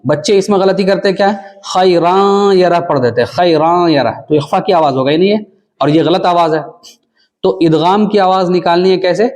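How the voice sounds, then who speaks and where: A man's voice: high voice, a little mellow. A man teaching a Quran reading class, spelling out syllables and stretching them into a nasal sing-song. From South Asia. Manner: drawn-out syllables. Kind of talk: spelling-out recitation lesson.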